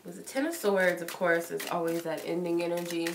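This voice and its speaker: In an echoey, noisy room, a woman doing a live-streamed tarot reading chats casually and loosely, dropping plenty of likes and ums. She has a cold and a stuffy nose. Her lowish voice is flat and a little fast, with vocal fry.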